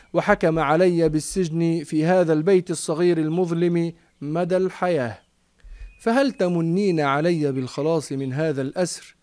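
A man's voice: sits high, darkish tone, no echo, close to an everyday voice. A man voicing a sad old woman locked away, pleading to be freed, in a storybook reading.

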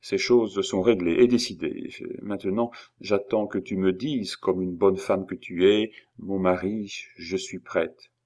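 A man's voice: low-pitched, fairly even intonation, a little slow, few pauses, darkish tone. A man reading aloud, voicing an earnest, devoted young engraver who reassures his wife. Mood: tender.

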